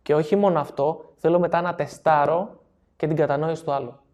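A man's voice: fairly high pitch, fairly even intonation, a little mellow. Greek man explaining like a coach. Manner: explanatory, repeats key phrases, checks listeners understand. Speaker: NLP coach. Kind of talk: seminar talk.

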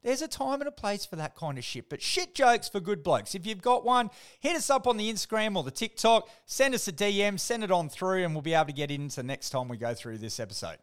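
A man's voice: high-pitched, animated, fairly quick, hardly any pauses, clean tone. A middle-aged man with an Australian accent hosting a casual solo podcast, talking like a blokey, sweary tradesman full of slang. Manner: blokey, laid-back tradie slang, swears freely. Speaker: podcast host.

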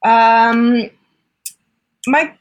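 Woman, comedian, dry teasing delivery, slightly high voice, casual podcast banter. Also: fairly even intonation, very slow. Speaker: comedian, debate guest.

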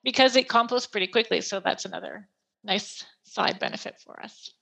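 A woman's voice: medium pitch, normal speed, vocal fry, bright, forceful tone, low-quality recording. A woman hosting a podcast, explaining in a chatty, plain-spoken way as a pet store expert. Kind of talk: casual explanatory podcast chat.

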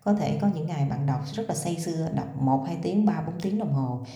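Low-voiced woman giving casual voice coaching. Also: animated, fairly quick, warm tone, roomy sound. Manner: chatty, addresses listeners directly, frequent hesitation fillers. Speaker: voice coach and podcaster. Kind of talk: casual advice talk to viewers.

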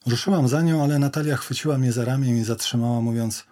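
A man's voice: medium pitch, quick pace, mellow, lightly acted. A man voicing a young woman telling her story. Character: young woman recounting a painful night. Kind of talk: audio drama narration.

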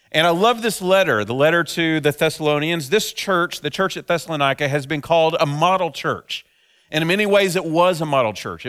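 A man's voice: a little high, clear, resonant tone. Preaching man at a pulpit microphone. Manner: earnest, steady preaching with repeated phrases. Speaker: pastor. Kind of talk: sermon.

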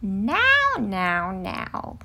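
A woman voicing a wise old male storybook owl who takes charge with drawn-out, emphatic delivery. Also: mid-range voice, huge pitch swings, creaky, sharp tone, a little hiss or hum, exaggerated voice. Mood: calm, authoritative.

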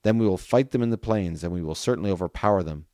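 A man reading the lines of scheming male royal advisors in a brisk, persuasive way. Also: low-pitched, dark tone, dry recording, studio quality, lightly acted.

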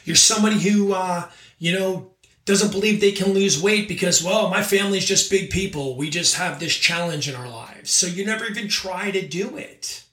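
A man in his late forties hosting a podcast, giving an energetic motivational monologue and repeating key phrases for emphasis. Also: sits high, normal speed, far from the mic. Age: 40s. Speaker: podcast host. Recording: echoey room, voice off-mic.

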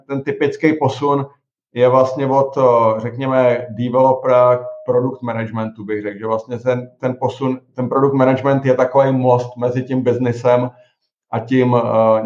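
A man's voice: mid-range voice, a little mellow. A man in his forties, a tech executive, talking casually in an interview and hesitating often with fillers and restarts. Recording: dull, roomy recording.

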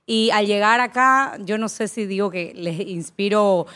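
A woman in her thirties telling stories from her work at a spa in a relaxed, chatty way. She acts out the voices of the people in her stories with lively energy. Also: mid-range voice, a little slow. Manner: animated storyteller who acts out quoted voices. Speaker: aesthetician at a spa. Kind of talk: casual chat, telling anecdotes.

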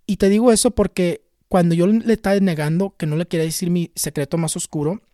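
A man's voice: sits high, fairly even intonation, dark tone, no room sound. Guy telling his story, keeps repeating words, dry recording. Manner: halting, repeats and restarts words, earnest. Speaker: channel host recounting a spiritual experience. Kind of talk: casual personal storytelling.

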